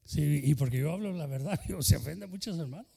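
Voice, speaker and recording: Older male pastor, impassioned bilingual sermon, gravelly edge, long church reverb. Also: on the high side, fast talker, noisy background. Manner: impassioned, switching between Spanish and English.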